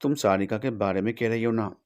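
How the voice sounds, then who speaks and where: A man voicing a quiet, withdrawn young woman who turns sharp when pushed, lifting his low voice higher for her. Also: brisk, smooth, lightly acted. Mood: confiding.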